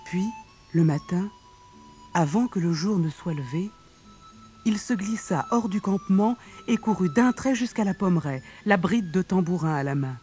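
A narrator reading a children's storybook aloud in a calm, steady way. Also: mid-range voice, moderate pace. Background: faint music.

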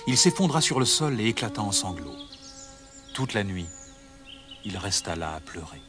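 Expressive male storybook narrator. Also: on the low side, moderate pace. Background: music.

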